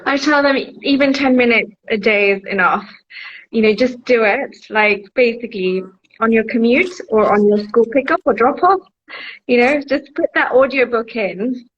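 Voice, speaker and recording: A woman's voice: on the high side, normal speed. An enthusiastic woman guest chats freely in a casual interview, filling her sentences with little fillers. Her voice comes through a video call with dull, lo-fi sound and faint noise behind it. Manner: enthusiastic, chatty, with many fillers and laughs. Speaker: guest, bibliotherapy advocate.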